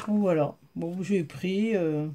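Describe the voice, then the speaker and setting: A Southern French woman with a mellow voice on the low side speaks slowly as she shows off a haul. Her relaxed show-and-tell chat is aimed directly at her viewers and sprinkled with frequent fillers.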